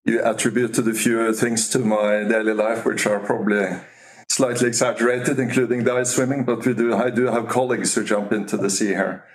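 A man from Norway, a company CEO, talking as a guest in a remote interview, measured and often restarting his sentences. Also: mid-range voice, fairly even intonation. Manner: measured, with frequent restarts and fillers. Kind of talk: casual interview talk.

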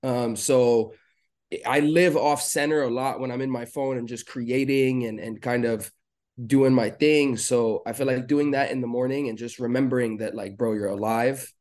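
A man from Lebanon talking as a podcast guest in a relaxed, rambling way with lots of fillers. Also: medium pitch, moderate pace. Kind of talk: casual interview chat.

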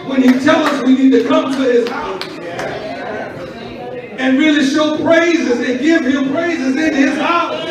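A male pastor delivers an impassioned, folksy sermon in a very high-pitched voice. He leans on repeated, emphatic phrases and calls for response. The sound is heavily reverberant and far from the mic, as if across a big hall. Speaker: pastor preaching to a congregation. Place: large echoey room with congregation. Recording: echoey hall, distant mic, congregation behind.

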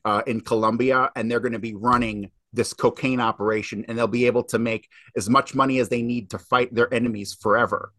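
A man speaks as a podcast guest in a loose, emphatic ramble, swearing freely as he piles on details. His voice sits at an ordinary middle pitch. The sound is dry and close with no room around it. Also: fairly even intonation, a bit bright, dry recording. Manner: emphatic, swears often, fast rambling delivery. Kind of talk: casual interview talk.

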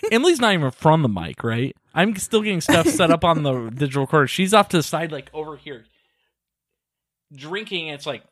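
A man's voice: on the high side, wildly swooping pitch, normal speed, a bit bright, no echo. A man co-hosting a casual podcast, chatty and playfully complaining, often laughing. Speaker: podcast co-host. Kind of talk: casual chat.

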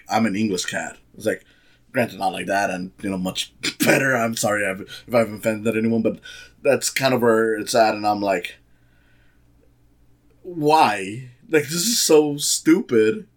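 A man giving a casual, sarcastic movie review, rambling with many fillers and restarts. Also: medium pitch. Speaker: film reviewer.

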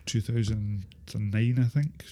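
A man in his thirties from Inverness, Scotland, recalls his life as a former supported-housing tenant in a casual interview. His voice is on the low side and warm with fairly even intonation, and he speaks haltingly, repeating filler phrases.

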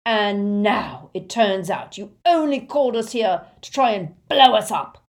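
A woman voicing a cruel male villain wizard with a rough, shouting voice in an audiobook. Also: on the low side, expressive, unhurried. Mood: furious.

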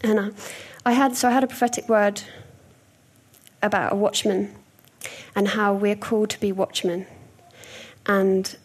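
Young adult woman giving a sermon, slightly husky, easygoing and chatty. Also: medium pitch, level tone, unhurried. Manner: conversational, warm storytelling with hesitations. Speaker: preacher.

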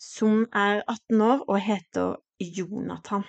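A woman's voice: medium pitch, fairly even intonation, creaky, no echo, highs cut off. A woman in her forties speaking a heartfelt, reflective personal podcast monologue, with hesitant fillers and restarts. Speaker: podcast host.

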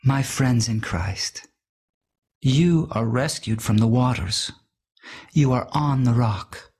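A man preaching in a solemn, measured way, recounting a vision as a sermon over music. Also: mid-range voice, darkish tone, breathy edge. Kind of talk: sermon reading of a vision story.

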